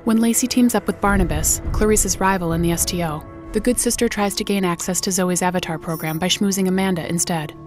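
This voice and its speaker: A woman's voice: fairly low pitch, a little fast, hardly any pauses. Flippant woman narrating over music. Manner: flippant, slangy. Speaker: recap narrator. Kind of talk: scripted comic TV recap narration. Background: music bed.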